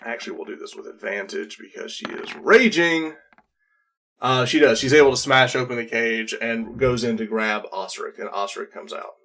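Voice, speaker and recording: A man's voice: medium pitch, moderate pace, fairly bright tone. A man narrating a tabletop role-playing game as game master, in a casual, playful way.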